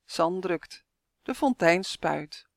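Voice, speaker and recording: Slow, expressive woman reading a children's story. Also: on the low side, gravelly, dry recording, clean studio sound. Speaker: author and narrator.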